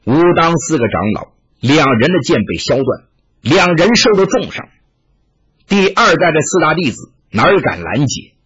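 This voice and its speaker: Husky, animated male storyteller. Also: fairly high pitch, normal speed. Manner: animated, rising and falling with the action. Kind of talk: dramatic martial-arts story narration. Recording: muffled lo-fi recording.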